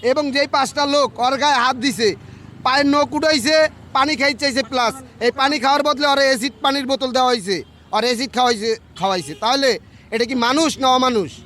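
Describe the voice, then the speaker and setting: High, bright-voiced indignant driver. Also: male voice, fairly quick. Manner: indignant, rhetorical questions. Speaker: senior delivery driver. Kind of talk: protest statement to reporters.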